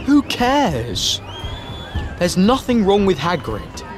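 A man's voice: sits high, huge pitch swings, takes it slowly, over music, a crowd in the background, voice pushed up, exaggerated voice. A man voicing an earnest, blunt teenage schoolboy with a dry way of speaking.

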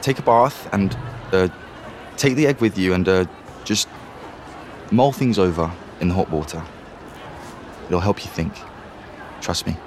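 Man voicing a low confiding teen boy, confident, friendly, faint hiss. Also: racing, few pauses, a bit bright. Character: friendly confident teenage schoolboy, older student.

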